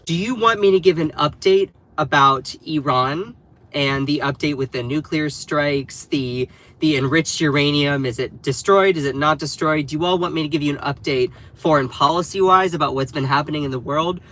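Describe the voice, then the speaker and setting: On his casual political livestream, a man from North Carolina gives chatty live commentary and talks straight to his chat. He sounds slightly nasal from a cold he's getting over, and his voice is on the high side and sharp, at a moderate pace.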